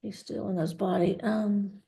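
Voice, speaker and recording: A woman working as a medium, relaying a spirit's messages in a halting way, often repeating words. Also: medium pitch, fairly even intonation, gravelly, warm tone. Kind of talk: mediumship reading.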